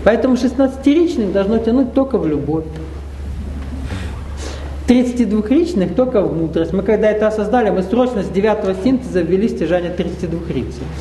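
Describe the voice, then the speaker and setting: Animated and a little fast, a high-pitched man with a warm tone leads a spiritual seminar, lecturing a live crowd conversationally through rhetorical questions and wry asides. Roomy hall echo and slight background noise are present.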